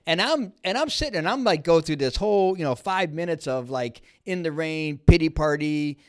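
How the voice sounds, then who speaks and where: A man's voice: fairly high pitch, lively intonation, moderate pace, clear, resonant tone. A man co-hosting a podcast, telling a story in casual chat, rambling with many fillers and restarts. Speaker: podcast co-host.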